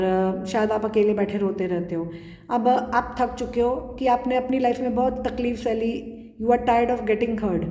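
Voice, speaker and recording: A woman with a Punjabi accent giving a pick-a-card tarot reading in a calm, repetitive way, slipping between Hindi and English. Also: on the high side. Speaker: tarot reader. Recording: roomy echo with long reverb.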